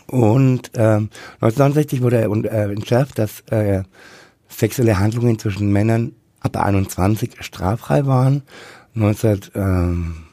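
A middle-aged man with a husky, gravelly voice, talking candidly and haltingly as an interview guest. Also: lowish voice, mellow, dry recording. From Franconia, Germany. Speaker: interview guest, drag queen and queer activist.

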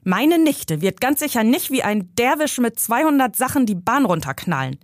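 A woman's voice: fairly high pitch, sing-song, normal speed, dry recording, clean studio sound, voice pushed up. A woman reading aloud from her novel, voicing a grumpy, bossy old uncle who nags from the passenger seat. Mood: nagging. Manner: nagging, scolding commands.

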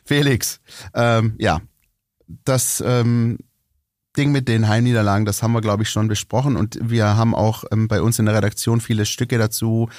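A man with a somewhat low voice hosts a casual podcast chat, feeling his way through his points with frequent restarts and fillers. He, and the sound is close and dry. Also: fairly even intonation, moderate pace, a little mellow, dry recording. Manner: hesitant, many fillers and restarts, thinking aloud. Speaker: podcast host.

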